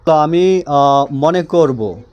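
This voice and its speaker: Slow, deliberate male English teacher. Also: on the high side, animated, a little mellow, muffled recording. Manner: asks questions and answers them himself, repeats phrases slowly; drills students with call-and-response. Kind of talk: classroom grammar lesson.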